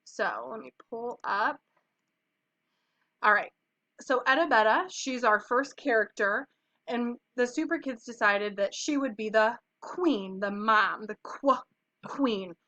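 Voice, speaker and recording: A woman's voice: a little high, expressive, slow, sharp tone. A young woman teaching kindergartners phonics, patiently sounding out letters and short vowels one by one. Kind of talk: phonics lesson for young children. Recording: dull lo-fi home recording.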